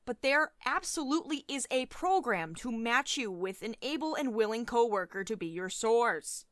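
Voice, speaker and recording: This close, dry ASMR roleplay has no echo and a slightly bright sound, with a woman acting as a domineering female CEO. Her pitch roams freely as she scolds condescendingly and sardonically in clipped bursts, dropping in sugary pet names. A caring streak runs beneath her strict command.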